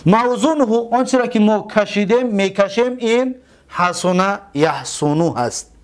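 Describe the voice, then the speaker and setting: A man's voice: high voice, animated. A man with a Tajik Persian accent teaching an Arabic grammar lesson, drawling out example words and answering his own questions. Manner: asks questions and answers them himself.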